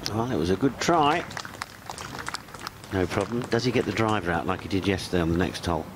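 Deep male golf commentator, noisy course. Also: fairly quick. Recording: noisy outdoor broadcast ambience.

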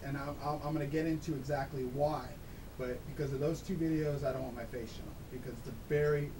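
A man talking through a voice disguiser, explaining things casually and emphatically as an interview guest, often checking in with "okay?". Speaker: guest, dice-control instructor. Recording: clear background noise with low rumble.

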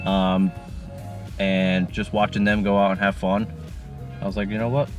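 A man in his twenties, from Connecticut, chatting casually in a parked car, relaxed and rambling with plenty of fillers. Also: low voice, moderate pace, soft background music. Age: 20s. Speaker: co-host. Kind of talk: casual Q&A chat. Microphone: camera on the dashboard.

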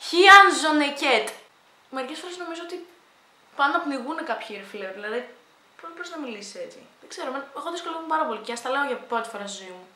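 Casual woman vlogger, playful and self-mocking, high pitch, echoey room. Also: lively intonation, bright, forceful tone. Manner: playful, laughing at her own attempts at foreign words. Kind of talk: casual vlog chat.

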